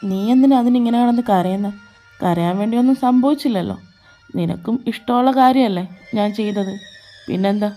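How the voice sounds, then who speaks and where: A woman's voice: dark tone, lightly acted. A woman voicing a jealous, possessive young man in a fan audio drama, taunting and domineering. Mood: menacing. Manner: taunting, domineering, slow and low. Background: faint background music.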